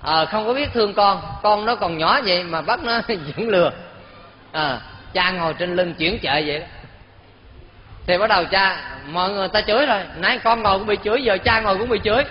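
A man's voice: sits high, fairly quick. A man with a Southern Vietnamese accent, a Buddhist teacher telling a parable in a sermon and keeping the audience involved with questions. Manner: lively, keeps quizzing the audience. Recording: dull sound in a reverberant hall.

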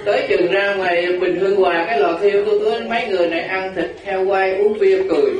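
A man's voice: high voice, steady tone, fast, lo-fi sound. A man gives a humorous Buddhist dharma talk, telling folksy stories and teasing his audience. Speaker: Buddhist monk. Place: large hall with an audience. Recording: echoey hall, crowd laughter, distant mic.

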